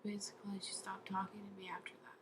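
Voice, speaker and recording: A woman venting a personal story to camera, upset, in a soft and often whispery voice. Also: medium pitch, monotone, fast talker, noisy background.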